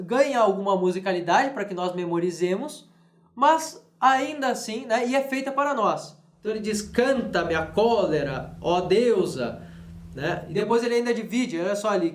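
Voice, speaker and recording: A man with a Brazilian Portuguese accent giving an online classics lesson, explaining patiently with frequent "né?" and "tá?" and reading verses aloud in a rhythmic chant. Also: high voice. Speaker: classics teacher.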